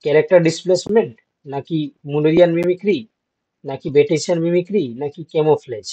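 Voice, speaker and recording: A man's voice: on the high side, fast talker, dark tone. A man teaching an exam-prep lecture, explaining step by step and asking his students checking questions. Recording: dull lo-fi.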